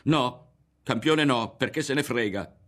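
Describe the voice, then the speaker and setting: A man's voice: mid-range voice, a little slow, a bit bright, pitched above the performer's own voice. A man voicing a proud, touchy boy who speaks in a raised, insistent voice in an audiobook reading. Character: proud, touchy boy defending his father.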